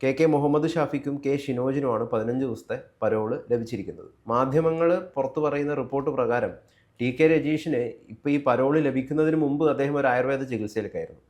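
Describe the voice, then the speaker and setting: Measured male interviewer. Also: medium pitch, darkish tone. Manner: measured, reads out lists of names. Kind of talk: political interview.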